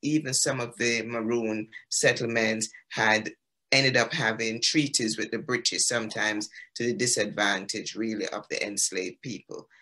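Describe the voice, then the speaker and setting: Bright-voiced Caribbean man explaining. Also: lowish voice, steady tone, moderate pace. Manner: storytelling, explanatory with frequent ums. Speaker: exhibiting artist. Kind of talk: online gallery talk.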